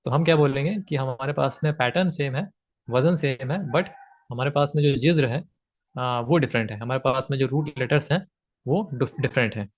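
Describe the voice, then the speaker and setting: A man with a medium-pitched voice teaches grammar from slides at a moderate pace, patiently repeating his points and using frequent fillers. The audio is slightly dull and lo-fi.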